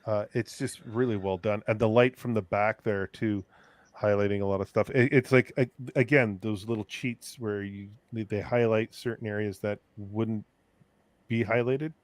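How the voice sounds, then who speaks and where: Halting low-voiced man, casual host. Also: steady tone, no echo. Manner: halting, repeats words, greets viewers by name. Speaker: podcast host. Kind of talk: casual chat.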